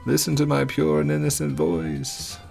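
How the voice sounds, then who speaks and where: A man voicing a dramatic, grandiose old fortune teller from a video game, with drawn-out theatrical delivery. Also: a little high, little pitch movement, vocal fry, darkish tone, faint music behind, pitched above the performer's own voice. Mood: ominous, grandiose.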